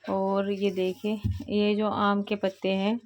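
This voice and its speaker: A woman's voice: medium pitch, monotone, slow pace. A young woman with an Uttar Pradesh Hindi accent, chatting to viewers in a casual vlog as she explains each household chore while she works. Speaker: family vlogger and homemaker.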